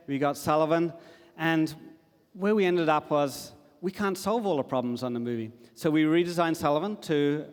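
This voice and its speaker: A middle-aged man giving a casual, enthusiastic conference talk, with plenty of fillers. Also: fairly high pitch. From Australia. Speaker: conference speaker. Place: large conference hall. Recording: long hall reverb.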